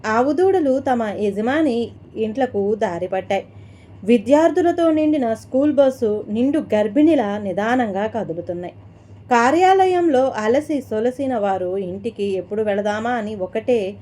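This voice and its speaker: A woman storyteller narrates a family drama with a steady, descriptive delivery. Her voice sits high and sounds mellow and relaxed. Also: slight background noise.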